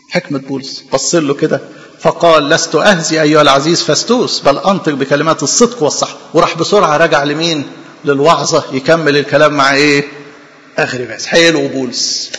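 A man with an Egyptian Arabic accent preaching a sermon, animated, throwing rhetorical questions to the congregation. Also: on the high side, big-room sound.

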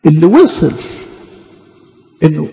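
A man's voice: fairly high pitch, big pitch swings, unhurried, vocal fry, mellow, faint music behind. A man preaching a sermon in an Egyptian Arabic accent, teaching earnestly and repeating his points. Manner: earnest, repetitive teaching cadence with acted quotations. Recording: dull echoey church hall.

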